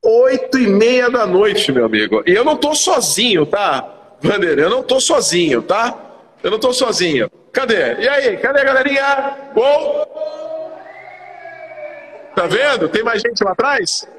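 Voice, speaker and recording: A man who manages a real estate sales team, giving an energetic, emphatic coaching talk as he walks through the office. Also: sits high, unhurried. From Salvador, Bahia, Brazil. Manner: emphatic, rallying. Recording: long reverb.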